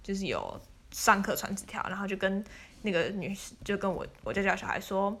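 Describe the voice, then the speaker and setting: A woman's voice: medium pitch, animated, a little fast, a bit bright. A woman, casually telling stories as a podcast host, chatty and laughing often. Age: 20s. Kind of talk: casual storytelling monologue.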